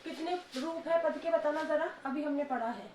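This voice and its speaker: High-voiced woman teaching an echoey class. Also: moderate pace. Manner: scolding, coaxing a quiet class to answer. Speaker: school Hindi teacher. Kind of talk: classroom grammar lesson. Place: school classroom. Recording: echoey classroom with faint noise.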